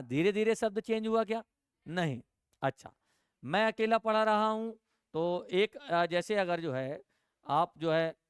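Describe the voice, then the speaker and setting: High, clear-voiced male teacher. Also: no echo, studio quality. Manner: asks the class questions and answers them himself; repeats key words slowly. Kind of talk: classroom grammar lesson.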